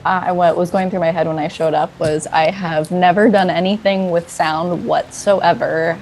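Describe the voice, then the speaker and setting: A woman's voice: fairly low pitch, steady tone, moderate pace, a little mellow, slight background noise, low-quality recording. A woman, a theater actor and writer, telling an interview story expressively. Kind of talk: casual interview recollection.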